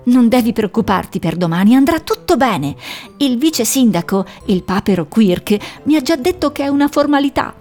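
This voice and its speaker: A woman voicing a young female owl who is cheerful and caring, talking in a bright, reassuring way. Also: on the high side, lively intonation, normal speed, soft background music. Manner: bright, reassuring, a little anxious underneath.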